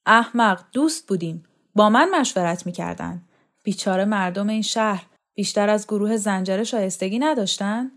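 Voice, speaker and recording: A woman's voice: mid-range voice, close to an everyday voice. A woman reading the part of a proud, scornful older man who boasts of his theatre past.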